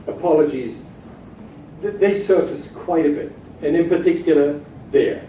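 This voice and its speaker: A man giving a halting academic keynote lecture, with frequent hesitations, in a conference room. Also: on the high side, dark tone. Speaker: keynote speaker. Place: hotel conference room, at a lectern. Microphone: far camera at back of room. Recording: echoey distant room recording with noise.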